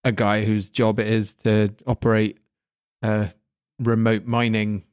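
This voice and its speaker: A man chatting casually about films, relaxed and a bit halting. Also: fairly low pitch, clear, resonant tone, no echo, clean studio sound. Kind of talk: casual film discussion.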